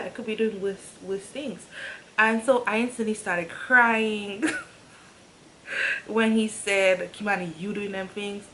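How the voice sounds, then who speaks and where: A young woman in her twenties telling a lively storytime to her vlog viewers, laughing often as she talks. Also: mid-range voice, a little hiss or hum, low-quality recording. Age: young adult. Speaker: YouTuber.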